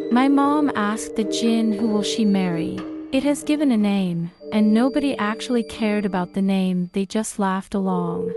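A woman from Turkey, narrating a paranormal anecdote as a storyteller. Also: medium pitch. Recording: music behind the voice. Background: prominent music.

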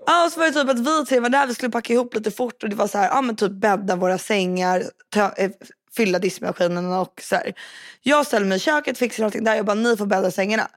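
A woman co-hosting a podcast, telling stories in frank, exasperated casual chat. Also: medium pitch. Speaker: podcast co-host.

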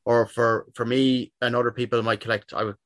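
Heard in studio quality with no echo, a middle-aged man from Sligo speaks with a west of Ireland accent in a medium-pitched, level, slightly bright voice at a slightly fast pace. He is a football jersey collector being interviewed, and his casual, chatty talk keeps circling back as he restarts phrases.

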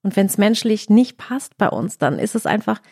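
A woman's voice: mid-range voice, sing-song, normal speed, gravelly, a little mellow, slightly rough, no echo, studio quality. A woman in her thirties chatting casually as a podcast host, telling long personal stories with lots of small fillers. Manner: chatty storyteller, many fillers and hedges. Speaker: podcast host and video creator. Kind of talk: casual chat.

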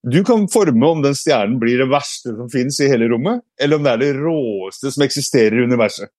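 A man's voice: medium pitch, lively intonation, a little mellow, no room sound, clean studio sound. A man giving a casual explanatory talk, reflective, with frequent hesitations and restarts. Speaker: speaker.

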